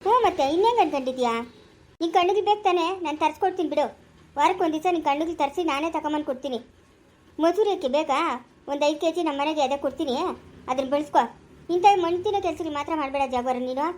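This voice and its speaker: A woman playing a sharp scolding village wife. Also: sits high, lightly acted. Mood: lecturing. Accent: rural Chikkaballapura Kannada. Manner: sharp scolding, rapid-fire questions. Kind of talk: village family skit acting.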